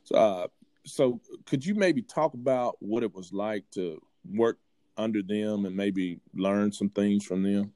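A man hosting a sports interview asks halting questions in a fairly low, mellow voice. The recording is dry and close. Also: dry recording. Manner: halting questions with many ums. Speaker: podcast host. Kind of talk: casual interview.

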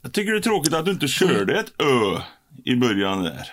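A man co-hosting a podcast, chatting in an easygoing way, quick to laugh and agree. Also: medium pitch, sing-song, a bit bright. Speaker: podcast co-host. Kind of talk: casual chat.

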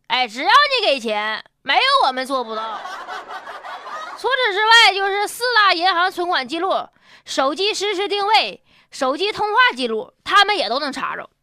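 A woman's voice: extremely high pitch, bright, forceful tone, dry recording, clean studio sound. A woman with a Northeastern Mandarin accent doing sassy, mocking comic news commentary in colloquial language, as a show host. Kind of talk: comedic news commentary with punchlines.

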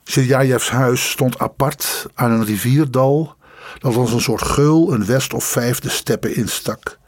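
A man reading a story aloud in measured, dramatic audiobook narration. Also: mid-range voice, no room sound, clean studio sound.

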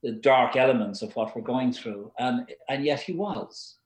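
An older man with an Irish accent giving advice in a thoughtful, halting, conversational way. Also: mid-range voice. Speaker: child psychology expert giving advice. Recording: roomy, echoing sound.

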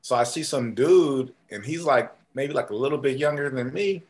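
A man telling stories as a podcast guest in a casual, animated way, with many fillers and restarts. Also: medium pitch, normal speed. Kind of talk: casual storytelling.

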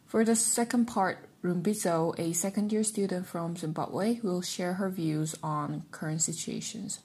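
A young woman hosting a student podcast, reading prepared introductions and questions in a measured way. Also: fairly low pitch, darkish tone, slightly rough. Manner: measured, reads prepared lines. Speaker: podcast host. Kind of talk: scripted introduction and interview questions.

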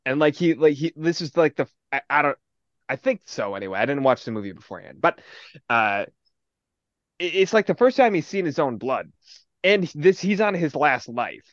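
A young man co-hosting a casual podcast chat, animated and laughing often, swearing as he retells a film scene. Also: fairly high pitch, normal speed, no echo, highs cut off. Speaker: podcast co-host.

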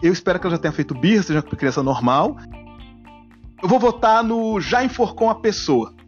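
Man, forties, podcast host, high lively voice, jokey, dull audio with faint music. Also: brisk. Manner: jokey, animated, acts out silly voices. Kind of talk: casual comedic podcast commentary.

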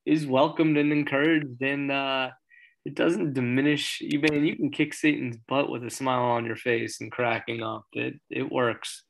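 Gravelly, easygoing podcast co-host. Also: male voice, mid-range voice, fairly even intonation, normal speed, poor audio. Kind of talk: casual faith podcast chat.

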